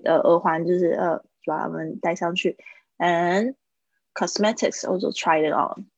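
Gravelly-voiced woman teaching English. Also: lowish voice, no room sound, lo-fi sound. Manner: patient explaining, drills pronunciation by repeating words. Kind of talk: live-stream language lesson.

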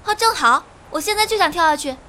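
A woman's voice: very high-pitched, animated, quick pace, pushed and bright, exaggerated voice. A woman playing a dramatic young woman set on jumping, petulant and provoking, in a comic audio drama. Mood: defiant.

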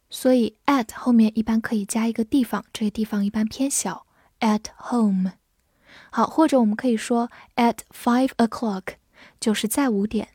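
Chinese lady teaching english words, spells them out slow, warm mellow voice. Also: fairly high pitch, slightly rough, no echo, studio quality. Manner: spells words letter by letter and reads slowly. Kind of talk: vocabulary lesson.

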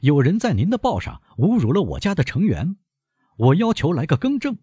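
A stubborn, proud young nobleman, as a male audiobook reader puts him on, pitched well above the reader's own low voice and forcefully insistent. The voice has a husky edge and a dry, close sound. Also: huge pitch swings, normal speed, no echo, full character voice. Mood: demanding. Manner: firm, demanding, proud. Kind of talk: audiobook character voice.

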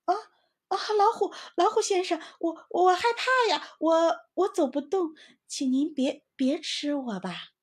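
A woman voicing a small, clever young squirrel in a children's storybook, with a high, excited, pleading voice. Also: normal speed. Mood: fake frightened pleading.

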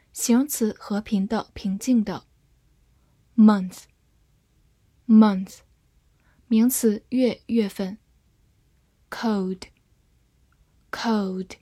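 A woman teaching English vocabulary, reading each word slowly and carefully in a scripted lesson. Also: medium pitch, warm tone, dry recording.

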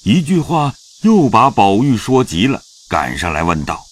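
A man narrating a classic novel as an audio drama, in a slow, expressive, dramatic reading. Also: fairly low pitch.

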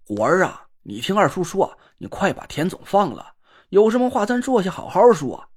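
A man doing anxious middle-aged uncle, coaxing, worried, animated, storybook voice. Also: sits high, normal speed. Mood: soothing. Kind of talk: audiobook character voice.

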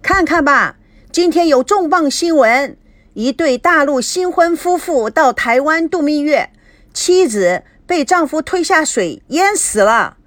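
A woman voicing an excited male newsstand vendor who hawks papers loudly and pushily in a storybook reading. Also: a little high, moderate pace, no room sound. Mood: hawking. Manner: loud, pushy hawking.

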